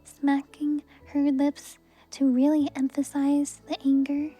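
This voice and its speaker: A young woman reading a book aloud in a soft, even ASMR reading voice. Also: high-pitched, takes it slowly, soft background music. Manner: soft, even reading voice with brief laughs at the text.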